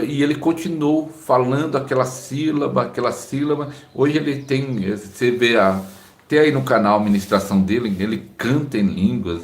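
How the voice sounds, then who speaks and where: A man's voice: fairly low pitch, roomy sound. A man with a Brazilian Portuguese accent, a pastor preaching live and reading viewer comments aloud while encouraging the people who wrote them.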